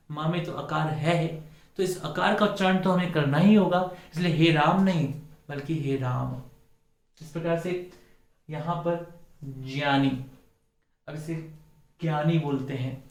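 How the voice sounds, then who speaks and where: A man teaching a Sanskrit pronunciation lesson, slowly and deliberately modelling each sound and repeating words for his students. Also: on the high side. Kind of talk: classroom lecture on pronunciation. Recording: echoey room.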